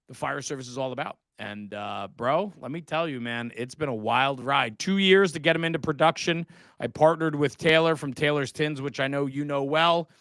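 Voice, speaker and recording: On a live stream, a middle-aged man who podcasts about the fire service speaks as a guest with earnest, emphatic passion and a buddy-like, casual style, throwing in "man" and "bro." His voice is mid-range and fairly bright, with no room sound.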